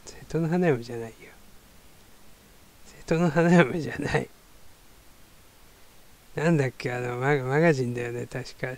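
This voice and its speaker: A man's voice: mid-range voice, a little mellow. A man talking to himself in a casual solo monologue, rambling and muttering as he tries to remember things. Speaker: solo talker.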